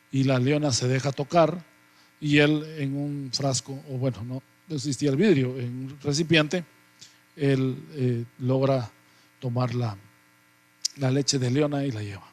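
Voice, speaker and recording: Man telling a Bible-study parable. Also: mid-range voice. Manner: unhurried, with hesitations. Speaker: Bible teacher.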